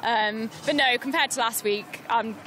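A woman's voice: fairly high pitch, measured pace, pushed and bright, a little hiss or hum. A woman triathlete answering post-race questions outdoors in a cheerful, laughing way.

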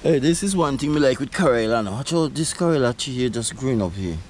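A middle-aged Vincentian man from Saint Vincent and the Grenadines gives a garden tour vlog of his backyard, chatting casually in a relaxed way with creole phrasing. He laughs often and talks quickly in a mid-range voice. There's slight background noise.

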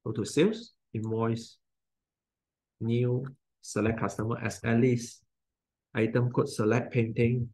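A man in his forties with a Malaysian English accent, talking through a software tutorial in plain step-by-step instructions. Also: mid-range voice, fairly even intonation, unhurried, pauses often, slightly rough. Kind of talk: screen-recorded software tutorial.

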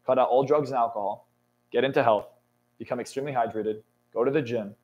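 The recording is muffled, and the man's mid-range voice is fast and husky. He's a motivational speaker and coach in his twenties, giving an emphatic podcast interview on an indoor studio lounge set. Intense and swearing often, he works himself up to excited peaks.

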